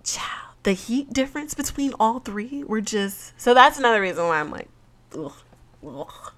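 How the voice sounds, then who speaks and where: A woman's voice: fairly high pitch, lively intonation, moderate pace, a bit bright. A woman in her late twenties, congested, chatting casually to her viewers with frequent laughs and fillers. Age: 20s. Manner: chatty and giggly, lots of fillers. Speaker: vlogger. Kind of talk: casual chat to camera.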